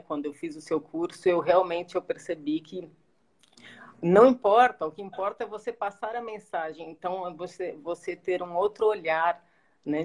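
A woman answering as a guest in a live interview over a video call, soft-spoken and hesitant with many restarts. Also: lowish voice.

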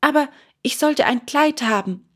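A woman voicing an eager, whiny wooden puppet boy who talks high and pleading. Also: a little slow. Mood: happy.

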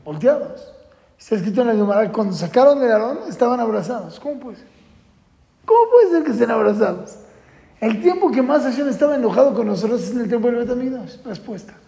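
A man's voice: extremely high pitch, lively intonation, fast talker, creaky, warm tone. A man teaching a parenting class, earnest and patterned, asking questions and answering them himself. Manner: earnest, repeats rules in patterns, asks and answers own questions. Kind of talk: classroom lecture. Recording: echoey hall with long reverb.

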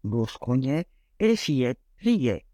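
A man's voice: mid-range voice, big pitch swings, slow pace, dark tone, dry recording. Man reading a fairy tale aloud. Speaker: storyteller.

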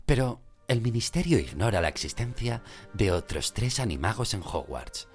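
A man's voice: on the low side, big pitch swings, normal speed, soft background music, voice pushed up. A man voicing a middle-aged wizard teacher who pleads in a raised voice and explains patiently. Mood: calm.

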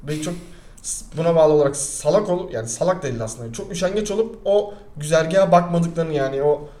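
Fast-talking young man, mellow voice, roomy echo. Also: fairly high pitch. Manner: rambling, joking, animated storytelling. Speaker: podcast co-host. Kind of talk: casual chat.

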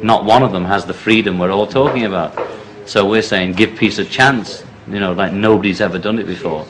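Noisy archive clip of low-voiced man. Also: fairly quick. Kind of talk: casual spoken political commentary.

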